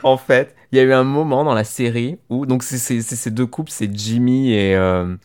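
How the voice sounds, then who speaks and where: A man's voice: medium pitch, fairly even intonation, normal speed, a little mellow, smooth. A man chatting casually as a podcast co-host, telling a long story with many restarts and hesitations. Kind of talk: casual chat about a TV series.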